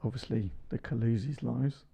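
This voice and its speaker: A man's voice: mid-range voice, moderate pace, gravelly, mellow, slightly rough. A man in his thirties co-hosting a casual chat podcast with his wife, joking and teasing as he talks. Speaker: podcast co-host.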